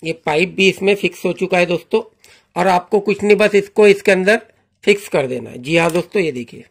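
This high-pitched channel host guides his audience through using a car washer, keeping things hands-on, friendly, and instructional. A particular phrase keeps coming back throughout.

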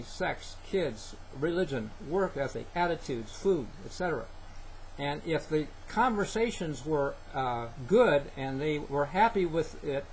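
An older man giving an earnest Bible teaching to a webcam in a small room, halting with fillers. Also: a little high, a little hiss or hum, rough recording. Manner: earnest, halting, with many fillers and scripture citations. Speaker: preacher. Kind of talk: sermon-style Bible teaching. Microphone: webcam, head-and-shoulders framing.

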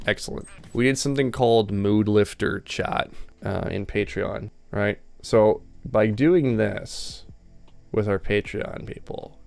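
A man's voice: fairly low pitch, vocal fry, darkish tone. A man coaching a player, giving direct instructions and repeating key points. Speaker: gaming coach. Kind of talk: coaching session with game review.

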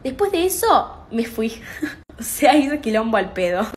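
A young woman with an Argentine accent telling a work story in a rapid, chatty, slangy way. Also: a little high, very animated, a little hiss or hum. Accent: Argentine Spanish. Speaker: TikTok storyteller. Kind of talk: casual storytime monologue.

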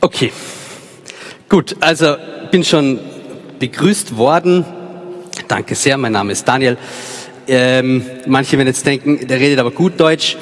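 A man's voice: mid-range voice, measured pace, pauses often. A man in his thirties from Salzburg with an Austrian accent, giving a chatty, informal personal sermon with many fillers on stage in a large church. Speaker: preacher. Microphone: handheld mic. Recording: long church reverb.

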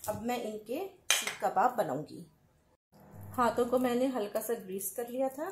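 A woman hosting a home cooking channel, calmly explaining each recipe step to viewers in a voice-over. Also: on the high side, normal speed, echoey room. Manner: calm step-by-step explaining, addresses viewers directly. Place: home kitchen.

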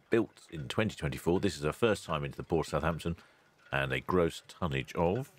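An English ship-spotting channel host with a deep voice narrates ship footage in relaxed voice-over. He's chatty, with dry asides and loud, cheery greetings.

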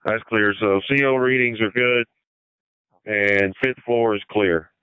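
Over a dull, band-limited fire radio channel, a man acting as fire incident commander barks terse, directive orders on a two-way radio. His voice sits on the low side, steady and smooth, delivered at a slow pace with no echo.

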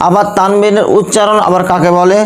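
A man's voice: high-pitched, level tone, fairly quick, poor audio. A young Bangladeshi man teaching Quran recitation to a class, repeating each point and asking his students rhetorical questions. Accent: Bangladeshi Bengali. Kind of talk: classroom lesson with call-and-response.

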